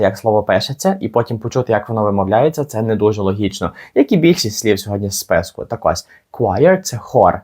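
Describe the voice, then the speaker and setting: A young man teaching English pronunciation, patiently repeating each word slowly for learners. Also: fairly low pitch, a little mellow. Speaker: English teacher on his channel.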